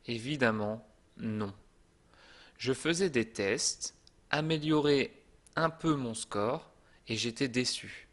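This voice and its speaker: Slow, calm French teacher, a man. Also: medium pitch. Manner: slow and deliberate, calm reassuring delivery. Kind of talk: slow scripted lesson narration.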